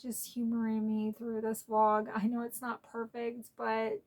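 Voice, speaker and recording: A woman's voice: on the high side, completely flat delivery, unhurried, darkish tone. A woman vlogging a casual haul in a chatty, rambling, heartfelt way.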